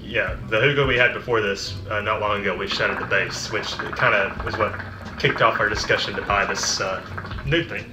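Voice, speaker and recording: A man's voice: fairly low pitch, fairly quick, background noise. A man giving a casual, conversational product review. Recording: roomy echo, music behind. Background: music.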